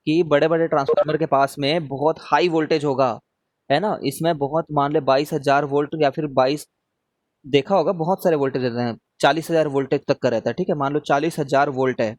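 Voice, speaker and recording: A man's voice: a little high, darkish tone, dry recording. A man teaching a live online revision class, talking casually and often checking in with his students as he answers their questions.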